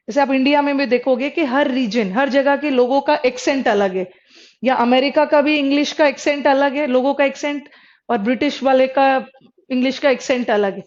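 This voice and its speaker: A high-pitched woman teaches English words in a live online class. She mixes Hindi and English, says each word more than once, and keeps asking her students to respond. The recording is dull and lo-fi. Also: fairly quick. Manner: explains in mixed Hindi and English, repeats words, checks with students. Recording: dull lo-fi sound.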